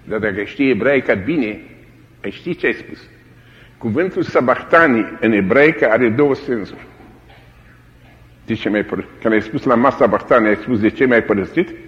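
A man's voice: medium pitch, expressive, pauses often, fairly bright tone. Dramatic preacher man in an echoey hall. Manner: dramatic, repeats key phrases for emphasis. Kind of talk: sermon. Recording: echoey hall, dull lo-fi old recording.

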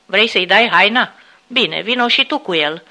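A threatening, red-faced male official, read aloud by a woman. He hisses his threats through clenched teeth. The voice is mid-pitched, bright and tense. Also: lively intonation.

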